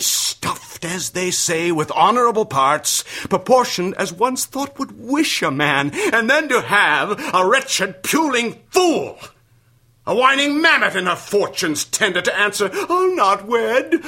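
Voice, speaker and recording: A man's voice: on the high side, full character voice. An actor playing a furious, domineering older nobleman who blusters and threatens his daughter in classical verse. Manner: blustering, shouting threats, then cold and menacing. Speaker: actor in a stage play.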